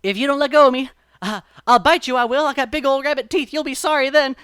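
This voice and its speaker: A folksy male rabbit with a short fuse, as a storyteller puts him on, hollering in a high drawl that leaps up and down. The sound is dry and close, with no room in it. He goes from neighborly to frantic in a heartbeat. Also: lively intonation, moderate pace, pushed and bright, smooth, dry recording. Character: folksy hot-tempered male country rabbit.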